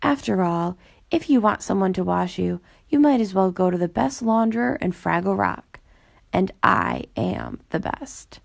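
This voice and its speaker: A woman's voice: mid-range voice, sing-song, a little slow, vocal fry, no room sound, clean studio sound, full character voice. A woman voicing a fussy, proud male Fraggle in a storybook reading, prim and a little self-satisfied. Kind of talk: storybook character voice.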